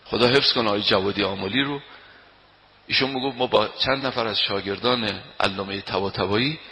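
A man preaching a sermon, telling a story and reciting verses slowly, moving between loud declaiming and quiet narration. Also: on the low side. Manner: chants quoted Arabic verses slowly. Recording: long hall reverb.

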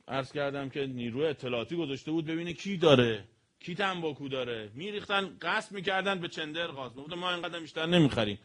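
Animated man preaching, higher-pitched voice. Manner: animated storytelling with sudden loud and soft swings. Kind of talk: historical sermon to an audience.

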